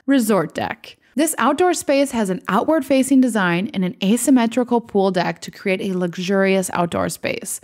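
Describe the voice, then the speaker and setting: A woman travel blogger giving an upbeat, scripted voice-over review, listing details with enthusiasm. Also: a little high.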